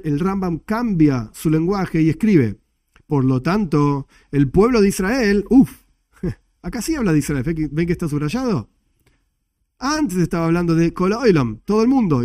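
A man leads a religious study class, explaining with energy and asking rhetorical questions before answering them. His voice sits a little high, with a mellow, soft-edged tone. The recording is close and dry. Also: dry recording. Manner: animated, emphatic explaining with rhetorical questions and chuckles. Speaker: Torah class teacher.

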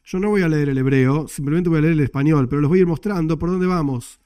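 A man's voice: fairly high pitch, quick pace, dark tone, dry recording, studio quality. A man teaching a religious study class from slides, explaining emphatically and asking rhetorical questions.

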